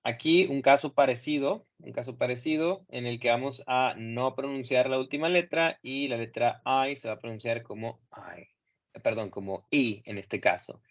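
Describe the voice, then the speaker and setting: A man teaching English in Spanish over a video call, patiently modeling each word slowly and clearly for his students. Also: mid-range voice, muffled recording. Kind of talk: online class correcting pronunciation.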